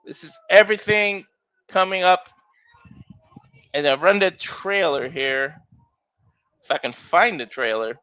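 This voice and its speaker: A man giving live play-by-play commentary on a wrestling match, excitable and swearing casually, shouting at near-falls. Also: sits high, unhurried, pauses often, clean tone, muffled recording. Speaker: wrestling watch-along commentator.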